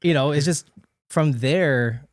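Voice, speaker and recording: A man's voice: fairly high pitch, slow pace, no echo, studio quality. Chatty man in his late thirties. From Philippines, raised in Hawaii. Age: late 30s. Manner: loose and chatty, full of "you know" fillers and restarts, laughs often. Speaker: guest. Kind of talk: casual conversational interview.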